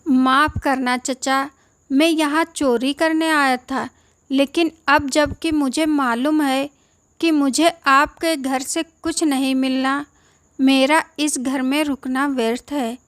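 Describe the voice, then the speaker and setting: A woman's voice: high-pitched, fairly even intonation, slow, dry recording, clean studio sound. A woman voicing a kind-hearted young male thief who speaks politely and plainly.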